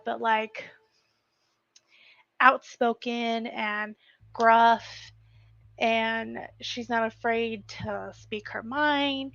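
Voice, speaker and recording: A woman's voice: fairly high pitch, gravelly, a bit bright, no echo, highs cut off. A woman hosting a writing livestream, chatting casually, rambling with fillers and giggles, and sleepy. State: sleepy, yawning. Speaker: livestream host.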